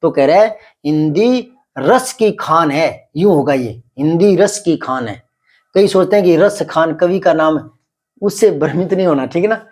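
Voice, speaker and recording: A middle-aged man teaching Hindi grammar, explaining patiently, repeating example sentences slowly and quizzing a pupil. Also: a little high, lively intonation, a little mellow. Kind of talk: classroom grammar lesson.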